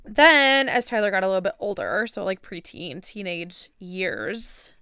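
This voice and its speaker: A young woman in her twenties hosts a casual true crime podcast. Her voice is clear and smooth at a middling pitch, and she talks informally with slangy asides. The sound is close and very dry, recorded in a small closet. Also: expressive, a little slow, bright, forceful tone, no echo. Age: 20s. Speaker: podcast host.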